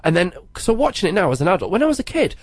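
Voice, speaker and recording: A man's voice: sits high, very animated, no room sound. A man co-hosting a casual film review chat, chatty and rambling. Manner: chatty, rambling, quick to laugh. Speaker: podcast co-host.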